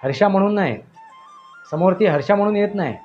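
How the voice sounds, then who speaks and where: A man's voice: high-pitched, animated, a little fast, a little mellow. A man narrating a horror story in a dramatic style, with emphatic, repetitive phrasing. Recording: dull lo-fi audio with faint music.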